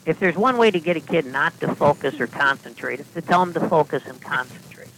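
A man, a podcast guest, telling long anecdotes in a deadpan style with dry asides and frequent restarts. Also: fairly high pitch, brisk, vocal fry, slight background noise, poor audio. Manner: deadpan, self-correcting storyteller with dry asides. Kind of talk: casual anecdotal storytelling.

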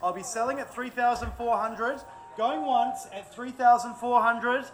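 High-voiced man calling auction bids. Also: fairly even intonation, loud music behind the voice. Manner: rapid, rhythmic bid calling. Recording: noisy crowd in room.

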